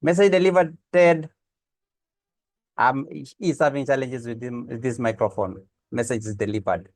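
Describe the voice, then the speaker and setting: A man from Kenya runs online office hours and greets those joining, friendly yet hesitant and filling gaps with "uh". His mid-range voice moves at normal speed, captured without room sound by a computer mic on a video call.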